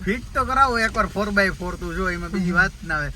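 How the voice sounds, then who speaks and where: Host: man, quick and fairly high voice, joking phone-vlog chat outdoors with faint ambience. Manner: chatty, joking, addresses viewers as family. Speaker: vlogger host. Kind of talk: casual family travel vlog. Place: outdoors at a temple and village homes.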